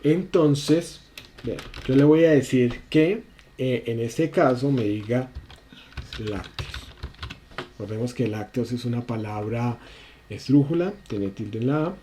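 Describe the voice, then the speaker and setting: A man's voice: mid-range voice, takes it slowly, dark tone, slight background noise. Man teaching a spreadsheet lesson. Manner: talks through steps with many fillers and restarts. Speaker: instructor. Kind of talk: screen-share software lesson.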